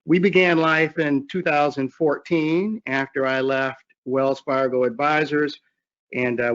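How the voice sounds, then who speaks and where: A man's voice: medium pitch, a bit bright, smooth. A man introducing himself and his investment firm as a webinar panelist, heard over a group video call. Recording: dull lo-fi call audio.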